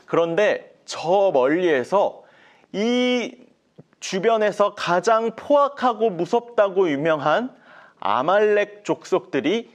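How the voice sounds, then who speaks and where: A male children's pastor narrates a Bible story. His voice sits high and moves in wide, lively swings, and he keeps asking the children questions. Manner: animated, asks listeners questions.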